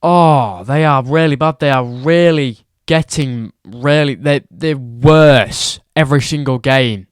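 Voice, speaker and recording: A young man delivers an exasperated football rant at an unhurried pace, hammering the same points again and again. His voice comes through smooth and clean, with a dry, close sound. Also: medium pitch, no room sound. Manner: exasperated, repeats points for emphasis. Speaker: football vlogger. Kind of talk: ranting football commentary.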